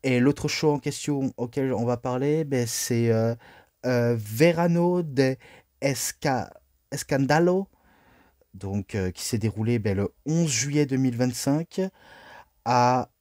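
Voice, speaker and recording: A man talks slowly through a casual review monologue, hesitant and full of fillers, stopping to correct himself and apologize. His voice is mellow and dark. The sound is dry and close. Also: mid-range voice, no room sound. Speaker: wrestling show reviewer.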